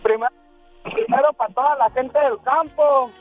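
A man's voice: extremely high pitch, normal speed. A man with a Mexican accent calling a radio show, chatting casually and jokingly with a few English loanwords. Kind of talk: casual call-in chat. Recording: dull band-limited call, music behind. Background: music.

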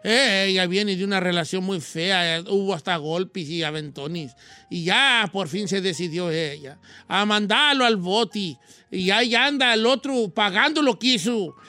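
A man's voice: high voice, unhurried, pushed and bright, no room sound, soft background music. A man hosting a radio call-in show, joking and telling stories in slang. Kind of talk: casual on-air banter with a caller.

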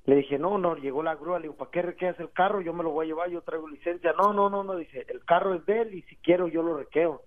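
A man with a Mexican accent phones in to a radio show and tells a long, slangy story that keeps wandering off. His voice sits a little high. It comes through a thin, tinny phone line. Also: fast, hardly any pauses. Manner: rambling, animated storyteller, slangy. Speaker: caller. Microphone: telephone.

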